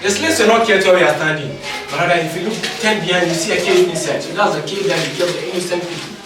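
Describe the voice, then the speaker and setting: A man's voice: high voice, fast. Man guiding a tour with heavy cave echo. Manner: patient, explaining step by step. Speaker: tour guide. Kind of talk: guided tour explanation. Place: echoing underground stone dungeon cave. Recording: echoey cave, distant mic, noisy.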